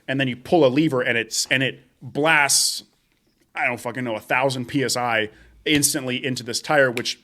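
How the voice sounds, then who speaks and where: A man's voice: mid-range voice, pushed and bright. Swearing young man telling stories. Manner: swears a lot, laughs while telling stories. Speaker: podcast co-host. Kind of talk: casual chat.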